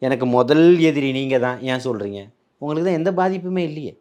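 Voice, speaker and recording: A man argues as a party spokesman in a political interview. He talks in a combative way and keeps firing rhetorical questions. His pitch sits in an ordinary middle range for a man. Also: animated, fast talker, darkish tone.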